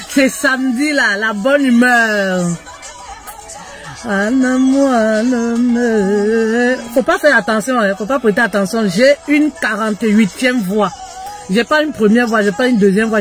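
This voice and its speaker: A woman's voice: fairly high pitch, measured pace. A woman relationship coach chatting playfully on a casual live stream, often singing along to the music.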